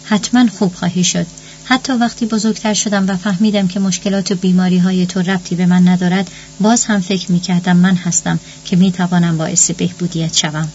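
A woman's voice: on the low side, little pitch movement, a little mellow, natural voice. Wounded, pleading grown daughter, voiced by a woman narrator in an audiobook reading, muffled with faint hum. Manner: pleading and reproachful. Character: hurt, pleading adult daughter.

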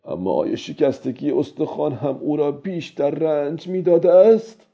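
A man's voice: fairly high pitch, animated, gravelly, mellow, voice pushed up. A man voicing a weary, stubborn old male fisherman who talks to himself in a strained, pleading way, on a dull lo-fi recording. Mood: weary, musing.

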